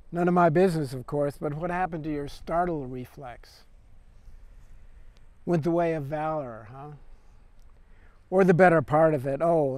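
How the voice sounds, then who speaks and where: A man's voice: a little high, a little mellow, dry recording, lightly acted. A man poet reading a poem in the voice of a restless replicant, wry and conversational as if prying into a listener. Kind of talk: poetry reading.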